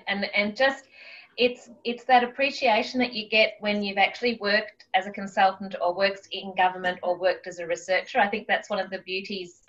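Female interview host, bright forceful voice, chatty and informal, slightly dull lo-fi recording. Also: medium pitch.

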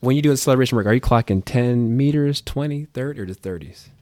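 A man's voice: mid-range voice, quick pace, a little mellow, dry recording, clean studio sound. A man hosting a casual interview, eagerly asking questions and often restarting them. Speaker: podcast host.

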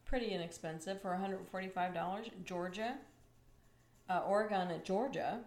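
A woman's voice: mid-range voice, steady tone, moderate pace, darkish tone. A woman co-hosting a casual sports chat, talking playfully and exclaiming over ticket prices. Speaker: podcast co-host. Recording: echoey room, faint ambience.

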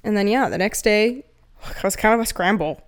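A young woman co-hosting a podcast, chatting casually and telling animated stories with plenty of swearing. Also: mid-range voice, fairly quick. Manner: swears freely, animated storytelling. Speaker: podcast co-host. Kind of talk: casual chat.

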